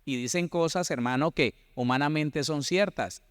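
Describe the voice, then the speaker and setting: A man's voice: on the high side, moderate pace, clean tone, no room sound, studio quality. A man preaching a Bible study as pastor, emphatic, acting out the voices of churchgoers.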